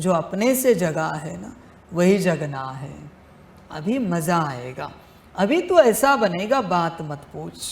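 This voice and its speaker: This high-voiced man is a spiritual teacher delivering a devotional talk, addressing the audience as his children in a fatherly way. He speaks with deliberation and repeats phrases to stress them, and the sound is reverberant.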